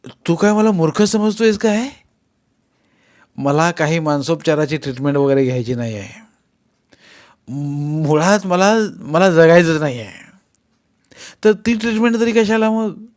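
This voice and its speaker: Young male actor sunk in drink, self-pitying and bitter, voiced higher and sharper by a male audiobook narrator. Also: a little slow, long pauses, close to an everyday voice. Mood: defiant. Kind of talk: audiobook character voice.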